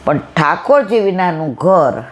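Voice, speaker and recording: A woman's voice: lowish voice, big pitch swings, a little slow, highs cut off. A woman giving a devotional satsang talk, acting out family dialogue in a folksy storytelling style. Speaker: satsang speaker.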